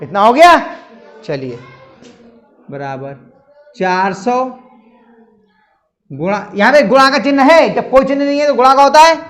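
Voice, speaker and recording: A man's voice: very high voice, expressive, unhurried, pauses often, fairly bright tone. A man teaching a classroom maths lesson, patiently quizzing his students.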